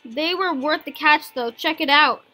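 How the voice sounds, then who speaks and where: Very high-pitched, childlike, excitable game commentator. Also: moderate pace. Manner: excitable, repeats words and exclamations. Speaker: gaming video host. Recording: music behind the voice. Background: game music.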